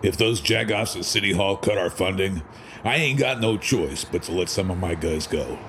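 An actor playing a gruff, weary older police commissioner in an audio drama, grumbling in folksy, streetwise slang. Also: male voice, deep voice, normal speed, a bit bright, slight background noise.

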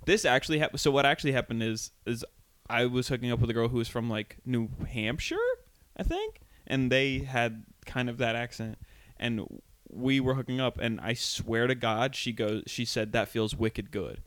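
A man's voice: medium pitch, lively intonation, normal speed, few pauses, fairly bright tone, dry recording. A young man with a light Southern American accent on some words, co-hosting a casual comedy chat and telling stories loosely with many fillers. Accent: light Southern American on certain words. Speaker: comedian podcast co-host.

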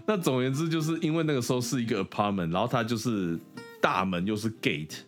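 A man's voice: mid-range voice, fast. A young man from Taiwan co-hosting a podcast, chatting casually and laughing often. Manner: laughs often, lively storytelling. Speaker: podcast co-host. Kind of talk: casual chat. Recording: faint guitar music behind.

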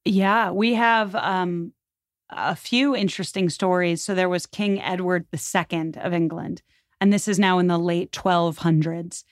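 Speaking at a measured pace with a lowish, steady voice, a female podcast guest explains history informally, leaning on lots of fillers. The studio-quality audio has no echo.

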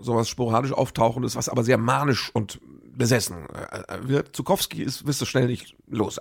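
A comedian telling rambling, self-correcting anecdotes in a casual monologue. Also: male voice, mid-range voice, vocal fry.

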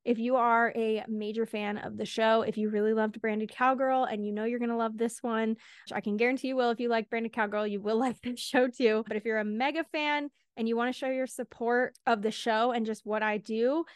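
A woman hosting a casual solo podcast, chatty and quick, a little out of breath, laughing between words. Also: a little high, fairly even intonation, clean tone, no room sound, clean studio sound. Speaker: podcast host.

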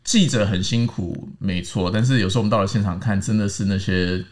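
A man's voice: lowish voice, a little fast. A man with a Taiwanese Mandarin accent hosting a casual panel chat, explaining English words and spelling them out. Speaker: host teaching English words.

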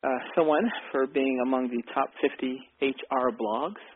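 A man hosting a podcast in casual chat, speaking haltingly and repeating himself. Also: medium pitch, slight background noise. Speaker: podcast host. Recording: tinny, phone-like band-limited sound.

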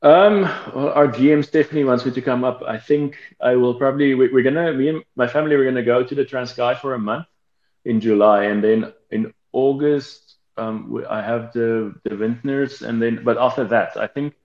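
A winemaker talking hesitantly, with many restarts, over a bad remote call connection. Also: male voice, mid-range voice, fairly even intonation, normal speed. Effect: bad connection, remote call line. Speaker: winemaker guest. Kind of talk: casual remote interview. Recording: muffled echoey call line.

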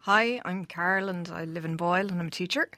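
A woman's voice: lowish voice, fairly quick, bright, forceful tone, dry recording. An Irish woman taking part as a contestant in a radio studio quiz.

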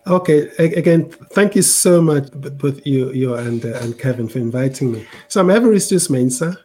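A middle-aged tech executive from Cameroon, with a mixed international accent, explains things as an interview guest, often repeating words and adding "right?" His medium-pitched voice is expressive and warm at a moderate pace, with faint music in the background.

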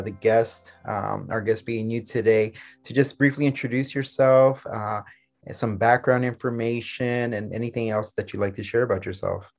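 A man hosting a faith podcast, talking casually with plenty of "um" and "like" as he interviews a guest. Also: medium pitch. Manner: friendly and casual, frequent "um" and "like". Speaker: podcast host.

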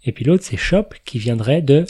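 A man's voice: medium pitch, lively intonation, normal speed, warm tone, slightly rough. A man hosting a podcast in a casual, explanatory chat, laughing now and then at his own remarks. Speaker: podcast host.

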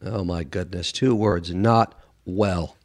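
Low-pitched and slow, with fairly even intonation, the man is a doctor and author interviewed as a radio guest expert. He answers bluntly and emphatically in a conversational style, imitating others as he speaks.

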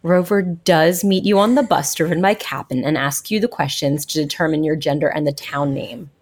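A woman podcast co-host chatting casually while her audio glitches into a robotic sound with jumping pitch, often laughing along. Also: normal speed, a little mellow. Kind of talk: casual chat.

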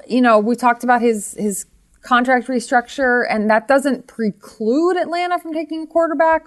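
A woman co-hosting a sports podcast, laying out her reasoning in a measured, step-by-step way. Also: mid-range voice. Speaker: podcast co-host. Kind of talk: casual sports podcast chat.

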